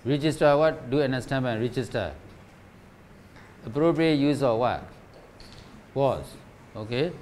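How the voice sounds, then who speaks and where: A man's voice: medium pitch, expressive, measured pace, long pauses, darkish tone. A man from Myanmar giving a teacher training lecture, asking rhetorical questions and checking in with "right?" and "okay?" after nearly every point. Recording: faint background noise.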